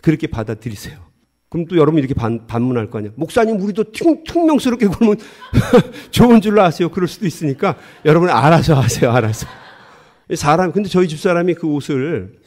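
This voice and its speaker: A middle-aged man preaching a sermon as pastor, telling funny stories from his own life and laughing often as he acts out what people said. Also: fairly high pitch. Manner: lively storytelling, acts out dialogue, laughs often. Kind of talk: sermon with humorous anecdotes.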